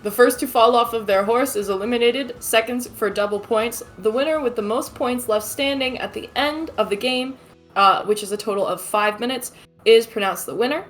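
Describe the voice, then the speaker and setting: A woman's voice: fairly high pitch, normal speed, soft background music. A woman narrating as game master of a tabletop game, loose and profane, often laughing.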